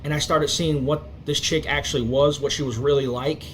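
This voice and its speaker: Guy rambling sports commentary, whistly s sounds, talks fast, kinda high voice, noisy homemade audio. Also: fairly even intonation. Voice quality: whistling s through the teeth. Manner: long-winded, hedging, repetitive.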